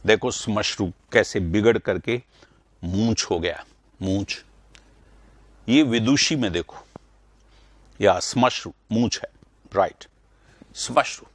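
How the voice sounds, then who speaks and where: A man's voice: on the low side, takes it slowly, pauses often, no echo. A man teaching Hindi spelling and pronunciation in an online class, repeating words to stress the correct sounds and correcting students directly. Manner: addresses students directly, correcting their answers.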